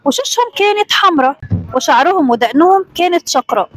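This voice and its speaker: A woman with an Egyptian accent narrating a children's story in a lively, dramatic way. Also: very high-pitched, quick pace, faint music behind, low-quality recording.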